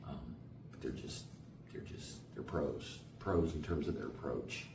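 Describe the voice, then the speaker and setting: A basketball coach with a very deep voice gives casual interview answers in a loose, energetic, slangy style, repeating words and filling pauses. He's far from the mic in an echoey space, with steady background noise.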